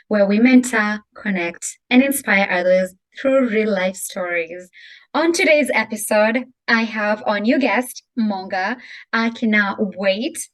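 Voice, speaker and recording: A woman hosting an interview show over a video call, effusive and quick to exclaim. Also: fairly high pitch. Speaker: host.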